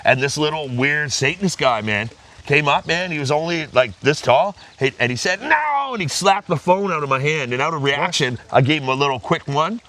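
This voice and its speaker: A man's voice: on the high side, brisk, fairly bright tone. A man co-hosting a podcast, chatting casually and chiming in with blunt, laid-back remarks. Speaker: podcast co-host. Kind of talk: casual chat.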